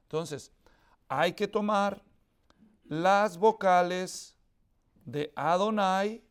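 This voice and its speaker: A man's voice: sits high, drawn-out words, clean tone. A man preaching a sermon to a congregation, explaining with everyday examples and often asking his listeners questions. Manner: asks the audience questions often.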